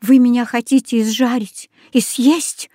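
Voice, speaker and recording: Woman playing a frightened little girl, high pleading voice, tearful, slow, storybook. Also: steady tone, mellow, dry recording, clean studio sound. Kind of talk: storybook reading.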